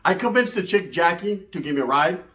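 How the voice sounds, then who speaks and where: An adult man, a parent and comedic storyteller, casually tells a raunchy story packed with slang and swearing, acting out the dialogue. His voice sits high and is expressive, brisk and fairly bright, in an echoey room.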